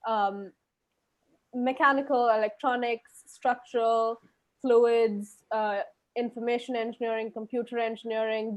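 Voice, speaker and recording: A young Indian woman, a student panelist, presents a webinar talk full of hesitant fillers. Her voice is a little high with a darkish tone.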